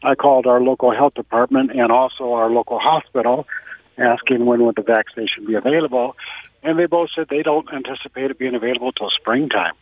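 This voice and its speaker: A man's voice: medium pitch, a little fast, dry recording. A man in his sixties calling in to a radio talk show, heard over the phone, speaking plainly with a slight hesitancy. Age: 60s. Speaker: radio call-in caller. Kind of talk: casual call-in chat. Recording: tinny dry phone line.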